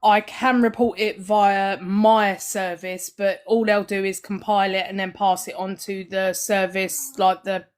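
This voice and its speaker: A woman's voice: medium pitch, little pitch movement, measured pace, hardly any pauses, clear, resonant tone. A woman streamer chatting casually and explaining things in a plain-spoken way. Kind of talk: casual live-stream chat.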